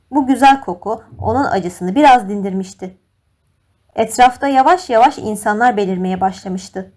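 A woman with a medium-pitched voice narrates an audiobook from a script, telling the story in a measured, expressive way.

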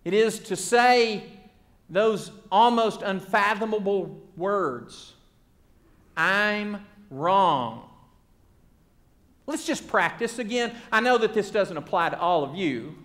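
High-voiced man preaching a sermon. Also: animated, unhurried. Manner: earnest, rhythmic repetition, often dropping to a soft hush at phrase ends.

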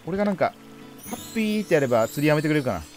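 A man's voice: a little high, very animated, very fast, darkish tone, faint music behind. A man giving casual let's play commentary, chatting playfully to the characters on screen as he plays. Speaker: game streamer.

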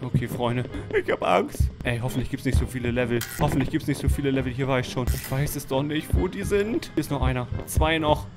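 A man doing let's-play commentary of a horror game, talking straight to his viewers, jumpy and quick to yelp and shout when startled. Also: medium pitch, over loud music. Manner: keeps addressing viewers as friends. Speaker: gaming YouTuber.

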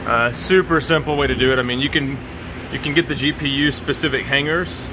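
A man's voice: medium pitch, fairly even intonation, brisk, background noise. Casual man giving a garage DIY walkthrough. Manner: loose and unscripted, many ums and uhs. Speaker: DIY vlogger. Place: home garage.

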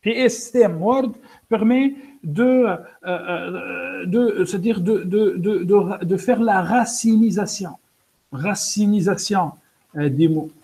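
A man's voice: sits high, slow pace, creaky, warm tone. A man teaching a coding lesson in French, explaining step by step with many fillers and restarts, and apologizing for his English. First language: French-speaking, pronounces English words poorly. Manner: explains step by step, addresses students directly. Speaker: programming instructor.

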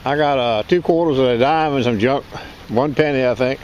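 A man's voice: mid-range voice, fairly quick, dull audio, a little hiss or hum. A man wading in shallow water on a beach, chatting casually while he hunts with a metal detector, recorded on a body-worn camera. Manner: relaxed, chatty, laughs often.

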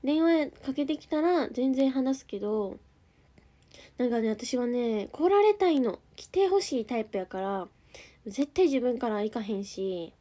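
A young woman with a Kansai accent talks casually on a livestream, her voice sitting a little higher than most. She chats freely, reading out viewer comments and answering them as she goes. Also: animated, a little slow, dark tone. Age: young adult. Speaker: idol group member streaming live.

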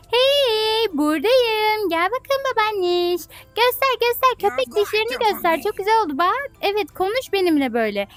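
A woman with a very high voice and a lively, swooping delivery, giving playful gameplay commentary. She is excitable and breaks into squeals and shrieks. Faint music plays underneath. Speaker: gaming YouTuber.

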